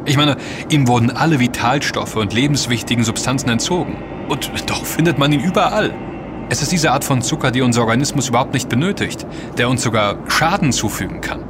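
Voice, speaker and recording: In a scripted audio drama, an actor plays an earnest, knowledgeable man explaining things and emphatically warning his friends. His natural voice sits at medium pitch and moves fairly quickly, carrying an earnest warning over background noise.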